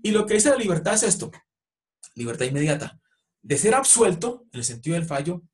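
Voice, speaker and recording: Man, middle-aged, law lecturer; higher voice, explanatory teaching tone. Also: sing-song, fairly quick. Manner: explanatory, acts out courtroom exchanges. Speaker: law professor. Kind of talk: online lecture.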